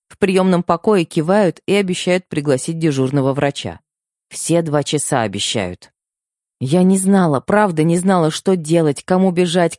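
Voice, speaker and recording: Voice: mid-range voice, darkish tone, dry recording, studio quality. An audiobook narrator giving an emotional first-person telling.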